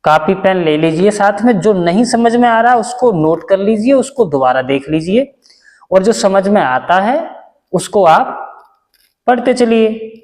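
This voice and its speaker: An Indian man with a high, lively voice speaks unhurriedly, his tone a little mellow and trailed by a long echo. He teaches a basic classroom lesson with patience, repeating each step and posing questions he then answers himself.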